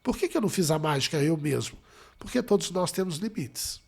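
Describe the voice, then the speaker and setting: A man's voice: a little high, a little fast, vocal fry, husky. A man from Brazil, a psychologist answering interview questions and telling stories, acting out the dialogue as he goes. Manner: expressive storyteller, acts out quoted dialogue. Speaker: psychologist guest.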